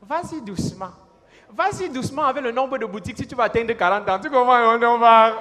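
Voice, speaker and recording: A man's voice: extremely high pitch, fairly quick. A man doing a blunt mocking schoolteacher. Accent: Cameroonian French. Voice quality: loud, teasing, calls pupils by name. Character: blunt mocking male primary school teacher. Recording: live stand-up stage, long hall reverb.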